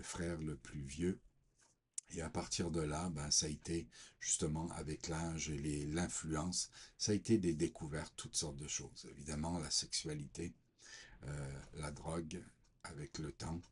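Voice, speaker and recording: A man from Portugal gives his personal faith testimony in a deep, husky voice. He speaks slowly and haltingly, stopping often with fillers as he reads scripture and recounts his past. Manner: slow, hesitant, many fillers.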